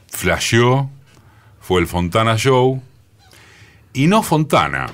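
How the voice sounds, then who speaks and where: A man in his sixties with a Rioplatense accent and a booming, forceful deep voice, telling his story in a radio studio interview with many pauses. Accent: Rioplatense Spanish. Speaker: radio journalist guest. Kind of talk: reminiscing interview talk.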